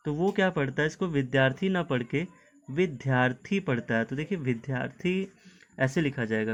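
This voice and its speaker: A man teaching Hindi pronunciation in an online video lesson. He explains patiently, often checks in with "okay", and mixes English words into his Hindi. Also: medium pitch.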